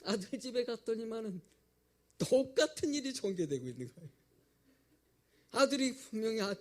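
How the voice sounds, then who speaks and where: A male pastor preaching a sermon and telling stories, often asking the congregation questions. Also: high-pitched. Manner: animated storytelling, asks the congregation questions.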